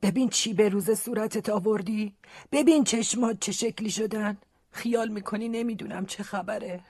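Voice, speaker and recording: A woman's voice: medium pitch, darkish tone, breathy edge, no room sound, clean studio sound, lightly acted. A woman acting a fussy, doting elderly aunt in a radio drama, fretful and pleading. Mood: worried. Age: older.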